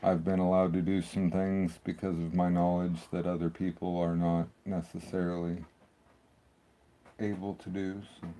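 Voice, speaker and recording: A man's voice: sits low, flat delivery, moderate pace, mellow. A man hosting a casual tech walkthrough, rambling and thinking aloud as he works at his computer. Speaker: tech video host. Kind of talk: casual screen-recording walkthrough.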